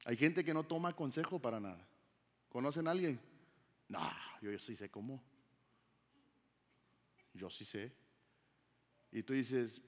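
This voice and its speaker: A man's voice: fairly high pitch, darkish tone. Preaching man in a reverberant hall. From Mexico. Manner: conversational preaching with rhetorical questions. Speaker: pastor. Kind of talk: sermon.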